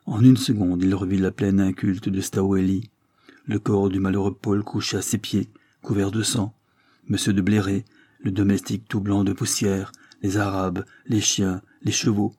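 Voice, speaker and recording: A male audiobook narrator with a low, dark and husky voice. He reads a classic novel in a measured, even manner. The recording is close and dry. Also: no room sound. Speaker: audiobook reader.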